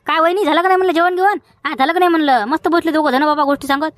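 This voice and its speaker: A man's voice: very high voice, fairly even intonation, fast talker, a bit bright, dry recording, clean studio sound. A man playing a chatty, teasing village neighbour in a comedy skit, with a Vidarbha Marathi accent.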